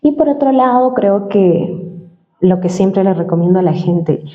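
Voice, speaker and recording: A woman's voice: mid-range voice, expressive, a little slow. A woman who works in voice-over and dubbing, explaining voice exercises in an interview and often ending points with a questioning tag. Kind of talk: interview, giving voice-training advice. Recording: roomy, slightly dull sound.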